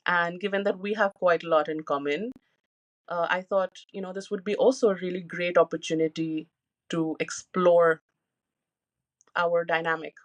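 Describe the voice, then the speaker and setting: A woman's voice: on the low side, fairly even intonation, normal speed. A woman in her thirties talks openly on a personal podcast. Her speech is casual and candid, full of "you know" fillers. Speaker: podcast co-host.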